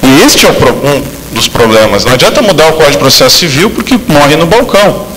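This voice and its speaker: A man's voice: fairly high pitch, very animated, fast talker, a bit bright, big-room sound, a little hiss or hum, rough recording. A man from southern Brazil giving an academic law lecture, speaking with frequent fillers and restarts. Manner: hesitant, many fillers and restarts.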